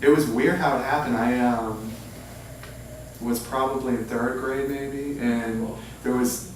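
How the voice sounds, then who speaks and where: Speaking a little slowly with fairly even intonation, a low-voiced man from Louisiana, United States, shares self-deprecating anecdotes about his writing life. He's an author at a book reading, an informal public talk with audience questions held in an indoor humanities center event room. The sound is very echoey, distant and clearly noisy because he's far from the mic.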